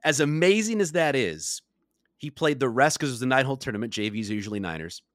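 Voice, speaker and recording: Animated man telling a golf story. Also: medium pitch, fast, no echo, clean studio sound. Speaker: podcast co-host. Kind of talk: casual storytelling chat.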